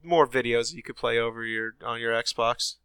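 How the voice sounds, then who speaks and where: Medium in pitch and moderate in pace, this man's voice sounds pushed and bright, clean, in a dry recording. As co-host of a gaming podcast he reads news conversationally, plenty of ums and uhs included, while sounding stuffy from a sinus infection.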